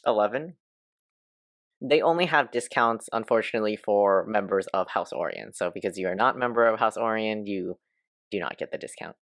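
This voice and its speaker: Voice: mid-range voice, a little fast, no room sound, studio quality. The game master of a tabletop game, narrating scenes and rulings with a playful manner and frequent laughter.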